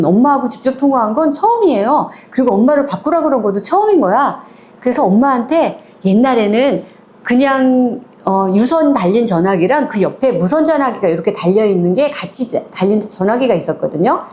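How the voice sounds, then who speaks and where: A woman's voice: fairly high pitch, a little mellow. A woman retelling a short story in a conversational, chatty way, moving between polite and casual speech and acting out the quoted lines. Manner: acts out quoted lines in small voices.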